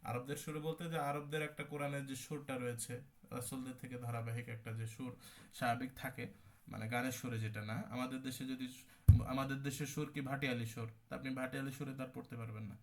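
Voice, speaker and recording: A man's voice: mid-range voice, flat delivery, fast talker, creaky. A young man teaching a Quran recitation class, explaining terms step by step, checking in with his students and coughing now and then. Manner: explanatory, repeats terms and asks the class questions. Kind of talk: online tajweed class lecture.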